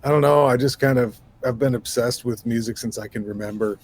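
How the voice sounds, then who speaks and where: A raspy, low-voiced musician in his thirties from New York State chats casually as an interview guest, animated and rambling with lots of fillers. He talks fairly quickly, and the recording is dry.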